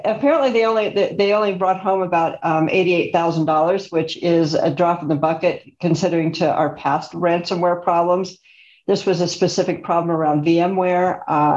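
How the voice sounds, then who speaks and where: A woman co-host chatting casually on a video call, talking loosely and slipping in little laughs as she goes. Her voice sits a bit low and comes through roomy and dull, like an echoey space on a lo-fi mic. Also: darkish tone. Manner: chatty, laughs mid-sentence. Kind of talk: casual panel chat.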